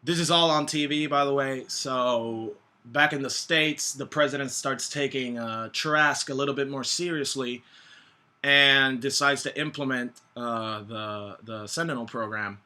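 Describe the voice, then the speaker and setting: Bright, forceful man rambling profanely. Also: medium pitch, steady tone. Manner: profane, slangy, blunt; halting, groping for words with many false starts. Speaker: movie reviewer. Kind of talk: casual, rambling movie review.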